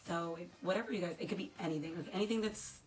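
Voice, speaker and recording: A woman's voice: on the low side, racing. A woman with a crackly, dry voice, chatting casually and rambling as she unboxes products for her vlog. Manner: chatty, rambling, self-deprecating. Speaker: unboxing vlogger. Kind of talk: casual unboxing chat to camera.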